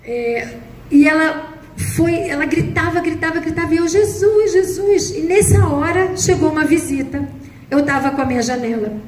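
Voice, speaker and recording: A woman missionary preaching a sermon and telling a personal testimony with emotional, dramatic delivery. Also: normal speed. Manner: emotional, dramatic retelling, voice rising high at climaxes. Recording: echoey room, faint noise.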